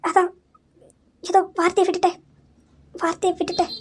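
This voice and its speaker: A woman voicing an older aunt who quietly apologizes for harsh words spoken in anger. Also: extremely high pitch, flat delivery, a little fast. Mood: ashamed.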